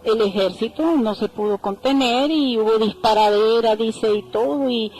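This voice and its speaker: An older woman shares family memories in an oral history interview, speaking at a moderate pace in a slightly mellow, high-leaning voice. She acts out the voices of people she quotes and often adds tag phrases, though the audio quality is poor.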